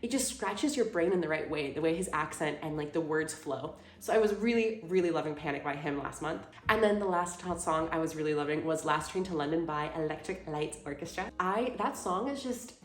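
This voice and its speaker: A woman's voice: sits low, lively intonation, brisk, hardly any pauses. A woman, chatting casually about her favorite things of the month, gushing and full of fillers. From Houston, Texas. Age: 20s. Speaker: vlogger. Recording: roomy sound with faint music.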